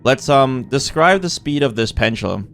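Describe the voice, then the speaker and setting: A man's voice: mid-range voice, animated, normal speed, vocal fry, a bit bright, soft background music. A man streaming a co-op puzzle game, thinking aloud and laughing often as he talks to his partner. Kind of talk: casual co-op game chat.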